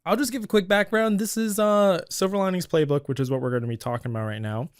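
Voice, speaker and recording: A man's voice: sits high, quick pace, smooth, no room sound, studio quality. A young man co-hosting a casual film podcast, laughing often and restarting his sentences. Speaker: podcast co-host.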